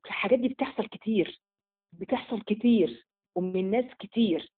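A woman's voice: medium pitch, a little fast, breathy edge. A woman with an Egyptian Arabic accent giving a religious lesson to women, in colloquial speech that poses rhetorical questions and answers them. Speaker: religious teacher. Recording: phone-like narrow sound.

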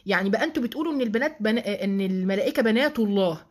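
Fast-talking Egyptian woman teaching religion. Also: mid-range voice, lively intonation. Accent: Egyptian Arabic. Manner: rhetorical questions, checks in with listeners; emphatic, affectionate asides. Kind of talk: religious lesson.

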